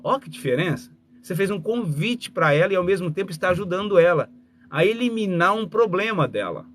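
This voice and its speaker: Male mentor, motivational live talk, bouncy and expressive, on the high side. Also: fairly quick, slight background noise. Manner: animated, acts out little dialogues, speaks straight to listeners. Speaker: communication mentor and speaker.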